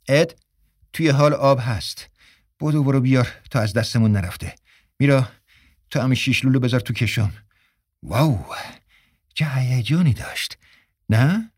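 A man's voice: medium pitch, pauses often, no echo, studio quality, natural voice. An actor playing a cocky male magazine editor who talks in a breezy, joking way in a radio drama.

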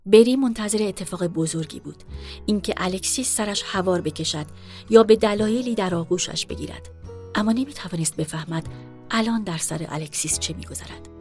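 A woman reading a novel aloud in a steady, measured way as an audiobook narrator. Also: medium pitch, soft background music. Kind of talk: scripted narration.

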